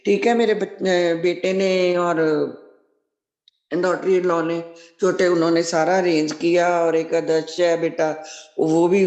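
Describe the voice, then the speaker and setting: A woman's voice: fairly low pitch, darkish tone. A middle-aged woman sharing a devotional testimony, earnest and devout, often repeating blessings. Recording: roomy echo.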